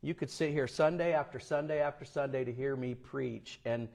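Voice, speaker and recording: A pastor from Florida preaching a sermon to a church, his voice climbing loud and high, then falling low and quiet for emphasis. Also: normal speed, gravelly.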